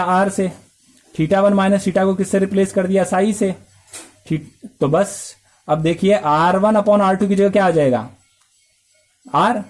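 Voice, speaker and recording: A man's voice: high voice, darkish tone. A male math teacher lecturing a class, explaining step by step and asking and answering his own questions.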